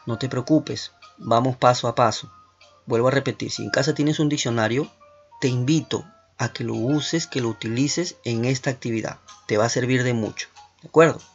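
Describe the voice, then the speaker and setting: In an online class for schoolchildren, a male teacher at medium pitch and normal speed works through questions with them supportively, tagging many questions with "¿no?". Faint music sits beneath a dull, lo-fi recording.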